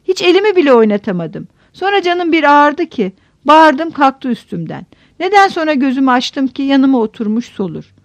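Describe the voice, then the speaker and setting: A woman voicing a frightened, ashamed young village girl who speaks in a halting, trembling way. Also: sits high, very animated, no room sound, pitched above the performer's own voice. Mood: faint, broken.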